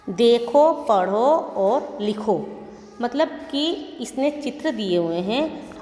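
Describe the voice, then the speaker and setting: A woman teaching a primary school Hindi lesson, patiently spelling words out letter by letter. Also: fairly high pitch. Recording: echoey room with long reverb.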